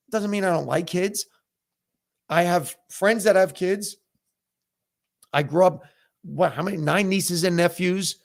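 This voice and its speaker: His voice sits high and carries vocal fry. This middle-aged comedian and podcaster from the United States, a native Italian speaker, hosts a live show, sharing frank views in a loose, filler-heavy chat.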